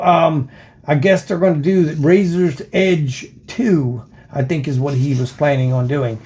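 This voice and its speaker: An older man with an American accent and a fairly high-set voice talks casually to his viewers. Missing teeth leave his F and S sounds soft and lisped. He speaks haltingly, wandering off and circling back as he goes. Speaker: video channel host, former police officer. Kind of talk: casual rambling vlog.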